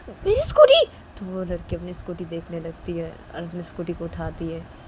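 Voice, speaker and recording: Low-voiced woman narrating a homemade story. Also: dark tone, slight background noise. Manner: chains events with repeated "तो तभी". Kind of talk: informal spoken story narration.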